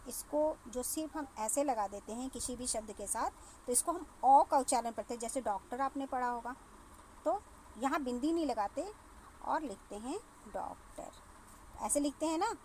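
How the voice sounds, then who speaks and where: High-voiced woman teaching a lesson. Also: a little hiss or hum. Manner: explains slowly, repeats words and sounds to pupils. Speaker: school teacher. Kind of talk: classroom lesson.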